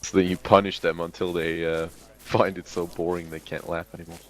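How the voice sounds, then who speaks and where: A man's voice: low-pitched, flat delivery, brisk. A man chatting with his squad during an online game, dry and blunt, cursing as he talks about drilling recruits. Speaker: gamer who trains recruits.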